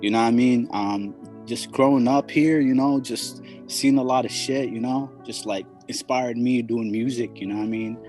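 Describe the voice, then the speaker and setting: A young man from Somalia, a hip hop artist, speaking in a laid-back, halting way full of fillers. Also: mid-range voice, fairly even intonation, darkish tone, soft background music. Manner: laid-back, halting, constant "you know". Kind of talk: casual interview.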